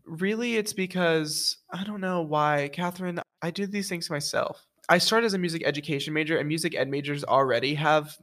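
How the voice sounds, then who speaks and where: Playful young man, higher-pitched, podcast chat. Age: young adult. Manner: playful, quick, animated rundowns. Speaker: student co-host.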